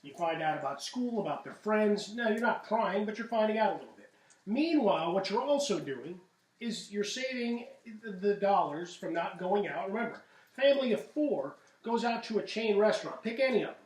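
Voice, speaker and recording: A middle-aged man hosts a home cooking segment with a chatty, folksy delivery and punchy asides. His voice sits a little high for a man. He sounds set back from the mic in an echoey home kitchen. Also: animated, normal speed, recorded from a distance. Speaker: host of a home cooking show. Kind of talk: casual cooking demonstration.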